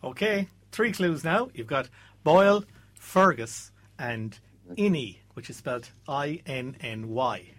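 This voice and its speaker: A man's voice: on the high side, lively intonation, slow pace, fairly bright tone, no echo. A man with an Irish accent presenting a quiz in a casual way as its host.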